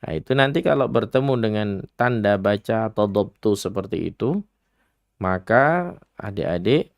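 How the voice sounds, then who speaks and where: A man with an Indonesian accent teaching children Quran recitation on a radio program, patiently explaining each letter and chanting verses slowly as examples. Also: on the low side, no echo, studio quality. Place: radio studio.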